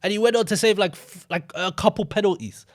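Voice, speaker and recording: Animated young man talking football. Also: sits high, fairly quick. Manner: animated, rambling storyteller. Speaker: podcast co-host. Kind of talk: casual football chat.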